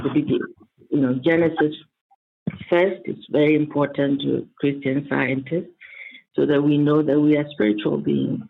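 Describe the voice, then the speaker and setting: A man with a fairly high, gravelly voice speaks slowly and deliberately in a devotional style. He comes over a narrow phone-like line with faint noise. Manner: measured, deliberate phrasing. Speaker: reader and discussion participant. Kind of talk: reading devotional texts and commenting.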